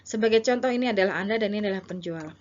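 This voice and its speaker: A woman teacher giving a recorded slide lesson, explaining in a conversational way with fillers and reading example dialogues slowly and clearly. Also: medium pitch, muffled recording. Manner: reads English dialogues slowly and loudly, explains in Indonesian with fillers.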